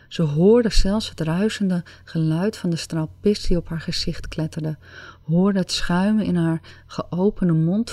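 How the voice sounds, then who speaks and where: A woman reads an erotic story in a slow, sensual manner, lingering on words. Her voice sits low and sounds warm and mellow. The recording is close and dry, with no room sound. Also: no room sound. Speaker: narrator.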